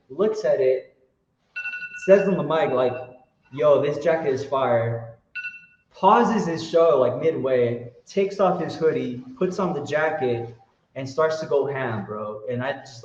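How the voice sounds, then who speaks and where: A man telling a personal story in a casual interview, animated and slangy, with lots of fillers. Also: mid-range voice. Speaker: guest artist. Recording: roomy, dull lo-fi sound.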